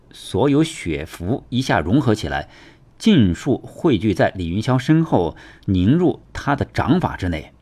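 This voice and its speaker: A man narrating a web novel audiobook with dramatic, expressive storytelling. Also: medium pitch, husky.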